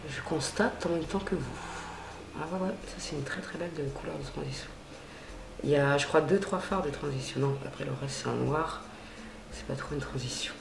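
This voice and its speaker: A woman's voice: low-pitched, fairly quick, vocal fry, noisy background. A woman beauty vlogger chatting casually and gushingly through a makeup tutorial, full of slang. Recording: roomy echo.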